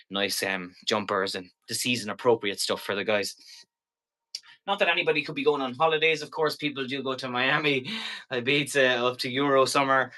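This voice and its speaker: A man hosts a live online sale in a bright, forceful voice at a middling pitch. He talks casually to viewers as he sells, rambling along chattily and dropping in jokey asides. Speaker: live shopping show seller and host. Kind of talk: casual live-stream sales chat.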